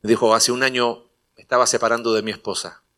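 Bright-voiced male pastor telling a story. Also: medium pitch, level tone, fast. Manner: conversational storytelling, acting out dialogue, rising to emphatic preaching. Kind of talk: sermon with personal anecdote.

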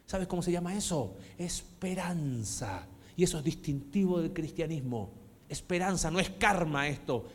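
A man preaching a sermon as a pastor, moving from hushed, quiet passages to loud, impassioned ones. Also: a little high. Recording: long hall reverb.

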